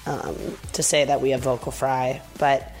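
Female podcast host, low register, vocal fry, weary, candid and self-deprecating, casual rambling delivery. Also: level tone, normal speed, darkish tone, faint music behind. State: tired from travel and talking. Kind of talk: casual solo podcast monologue. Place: bedroom in a condo, sitting in bed.

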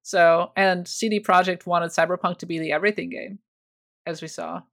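A podcast co-host explaining points in a measured, conversational way. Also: medium pitch, steady tone, a bit bright. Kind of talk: casual panel discussion.

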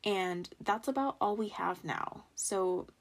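A woman's voice: mid-range voice, slow. A young American woman hosting a true crime podcast alone in a casual, self-deprecating way, with some trouble pronouncing her R sounds. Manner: informal, self-deprecating asides. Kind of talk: casual solo podcast storytelling from notes.

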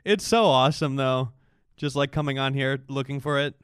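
A man's voice: medium pitch, moderate pace, fairly bright tone, clean tone, no room sound, studio quality. A young man chatting casually and crudely, laughing often as he rambles. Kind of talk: casual podcast chat.

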